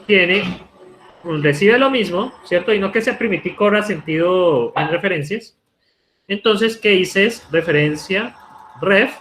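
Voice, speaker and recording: Higher-voiced man lecturing on code. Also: unhurried, a bit bright, a little hiss or hum. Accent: Colombian Spanish. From Colombia. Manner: talks while typing code, asks rhetorical "¿cierto?" often. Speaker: university programming lecturer. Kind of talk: live online coding lecture.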